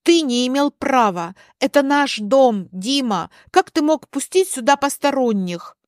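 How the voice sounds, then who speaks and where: A woman voicing a furious young wife who snaps sharp commands in a spoken story. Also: a little high, sing-song, very slow, no echo, clean studio sound, full character voice.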